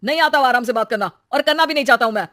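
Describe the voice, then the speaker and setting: Storybook cartoon: woman plays short-fused young husband, gruff, middle pitch. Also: brisk, no room sound, studio quality, lightly acted. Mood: angry. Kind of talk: storybook voice acting.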